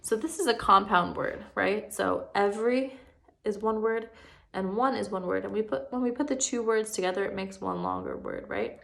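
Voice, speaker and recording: A young woman teaching first graders in a recorded lesson, slow, patient and encouraging, drawing words out syllable by syllable. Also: mid-range voice, animated, creaky. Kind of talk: remote classroom lesson.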